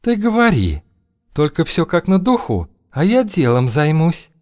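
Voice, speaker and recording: A man's voice: a little high, wildly swooping pitch, measured pace, darkish tone, pitched above the performer's own voice. A man reading an audiobook, voicing a bold, scheming older woman matchmaker who talks in a languid, teasing, coaxing way. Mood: sultry.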